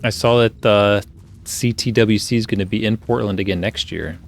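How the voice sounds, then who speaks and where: A man's voice: on the low side, steady tone, normal speed, vocal fry, faint music behind. A young man streaming a game from a home room, rambling casually with lots of filler words into a desk mic. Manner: rambling, filler-heavy musing. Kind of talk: casual gameplay commentary.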